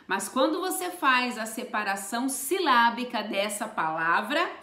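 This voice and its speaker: A woman's voice: a little high, fairly bright tone, reverberant. A woman teaching a Portuguese grammar lesson, spelling out letters and stressing each example word. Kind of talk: slow, deliberate grammar lesson.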